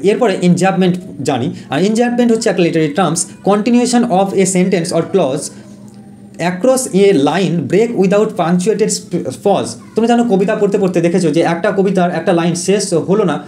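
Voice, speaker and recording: A male teacher with a high, mellow voice gives an exam-prep lesson. He explains in Bengali, slows right down to read English definitions, and fills his pauses with "ah" as he corrects himself. A faint hiss runs behind him. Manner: frequent fillers and self-corrections.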